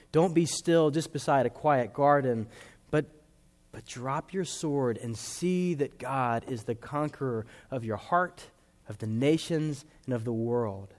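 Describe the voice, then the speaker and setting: A man preaching a sermon in a church, earnest, slowing down and dropping to soft low tones for emphasis. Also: in a large hall. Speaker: pastor.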